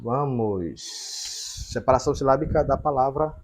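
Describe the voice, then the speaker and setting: A man's voice: mid-range voice, animated, moderate pace. A man teaching a grammar lesson at a whiteboard, explaining step by step and checking in with the viewers.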